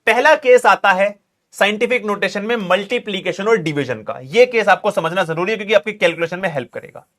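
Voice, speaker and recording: A man's voice: high-pitched, fairly quick, fairly bright tone. A man teaching a chemistry class, mixing phrases into his explanation, calling students "beta" and urging them to make some noise. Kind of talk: classroom lecture.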